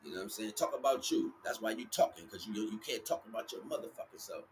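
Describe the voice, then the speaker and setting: Speaking quickly in a lowish voice, an American man hosts a livestream and delivers an informal spiritual monologue. He is emphatic and repetitive, using street slang. The recording is clearly noisy with ambient background sound.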